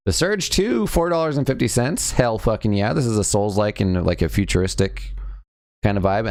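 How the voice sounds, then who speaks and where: A young man with a strikingly deep, low voice chats casually on a live stream. He rambles and gets excitable, tossing out quick opinions in a loose, unscripted way. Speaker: streamer host.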